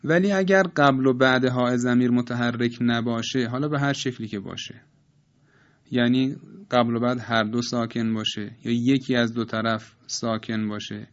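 A man calmly explaining Quran recitation rules step by step, reciting each example slowly and repeating it. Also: medium pitch, muffled recording.

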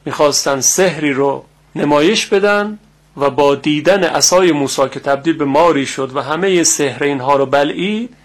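A middle-aged man with a slightly raised voice gives a religious lesson on recitation. He speaks slowly and deliberately, repeating words carefully so listeners can copy their sounds. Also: a little high. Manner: slow, deliberate, repeats Arabic words to model pronunciation. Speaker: Quran recitation teacher.

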